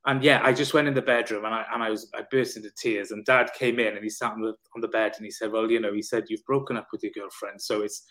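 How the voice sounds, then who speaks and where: A man's voice: on the low side, fairly even intonation, quick pace, hardly any pauses, a bit bright. A man, a personal trainer and counsellor, speaking as a podcast guest and telling a personal story openly and emotionally, with casual swearing and many restarts. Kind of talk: candid conversational storytelling.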